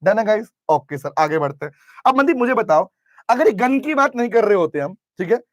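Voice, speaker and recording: Male lecturer with a very high voice and a dry sound, runs a lively class full of questions. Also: a little fast, no echo. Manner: lively, questioning students, mixes English terms into speech. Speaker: commerce teacher. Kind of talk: classroom lecture with role-play. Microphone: camera recording in class.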